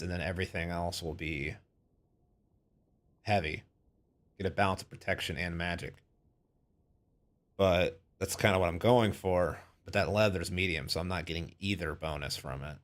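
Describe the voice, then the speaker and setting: Deep-voiced man rambling over gameplay. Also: a bit bright. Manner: rambling, thinking aloud. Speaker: game streamer. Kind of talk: casual live-stream gameplay commentary.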